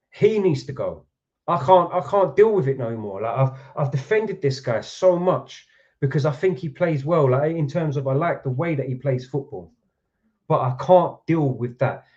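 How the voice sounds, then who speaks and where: A man with a slightly high, mellow voice hosts a football reaction stream from home, ranting and swearing in frustration at the match. The sound is dull and lo-fi.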